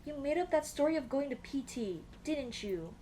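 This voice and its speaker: In a hesitant, intimate ASMR roleplay, a young woman with a high, expressive but dark-toned voice acts the part of a lovestruck tomboy childhood friend, speaking at normal speed. She's bashful yet teasing, flustered and affectionate, slipping into casual dude-talk, over low-quality audio with a touch of hiss or hum.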